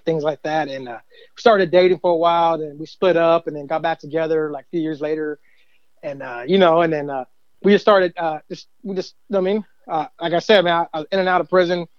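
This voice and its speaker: Middle-aged church volunteer, casual rambling testimony, slightly high voice, dry. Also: male voice, fairly even intonation, fast, smooth, dry recording, dull audio. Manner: rambling, many fillers and "you know what I mean". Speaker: guest, church usher and youth minister.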